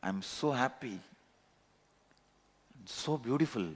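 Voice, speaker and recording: A man with a thick Tamil Indian accent, a native Tamil speaker, giving a religious discourse as a spiritual teacher, emphatically repeating key words with pauses. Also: medium pitch, lively intonation, breathy edge. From Tamil Nadu, India. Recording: long hall reverb.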